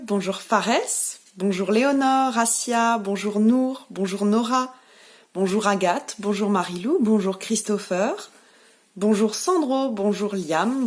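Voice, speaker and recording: A woman with a French accent, a preschool teacher giving a remote lesson to young children, speaking gently and articulating each word clearly as she leads them through clapping syllables. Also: mid-range voice.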